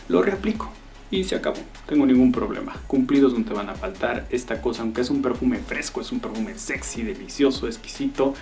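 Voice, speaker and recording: A man talks through a perfume review with plenty of relish, breaking into savoring sighs and exclamations. His voice sits at an ordinary middle pitch, and faint music plays behind him. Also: a little mellow. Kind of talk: casual review vlog.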